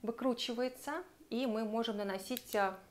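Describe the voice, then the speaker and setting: A woman's voice: fairly high pitch, normal speed, slight background noise. A woman giving a chatty, enthusiastic beauty product review and speaking straight to her viewers. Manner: chatty, enthusiastic, recommends warmly and addresses viewers directly. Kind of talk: casual product review to camera.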